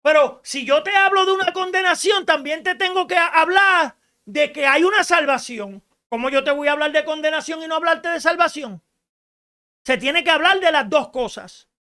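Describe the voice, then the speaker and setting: A woman preaching a radio sermon in an emphatic style, rising to shouts and asking rhetorical questions. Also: sits high, moderate pace.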